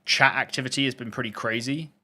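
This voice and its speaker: A man's voice: medium pitch, fairly even intonation, quick pace, bright, forceful tone. A man chatting casually on a live stream, reading out and answering viewer questions. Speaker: gaming streamer.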